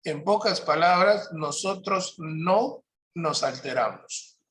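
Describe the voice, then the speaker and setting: A man presenting a parenting workshop, explaining points in a calm, measured way and often checking in with his listeners. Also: fairly high pitch.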